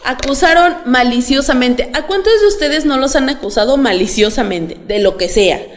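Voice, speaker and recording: A woman's voice: high voice, expressive, moderate pace. A woman giving a chatty Bible lesson to teenagers in a church, often asking her listeners questions. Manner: chatty, asks the audience questions. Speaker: youth Bible teacher. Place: church hall. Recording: long hall reverb.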